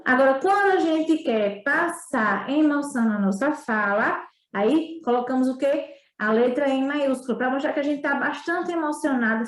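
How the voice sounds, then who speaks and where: High-voiced woman teacher in echoey room. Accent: Brazilian Portuguese, northeastern. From Brazil. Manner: explanatory, frequent tag questions. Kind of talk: remote school lesson.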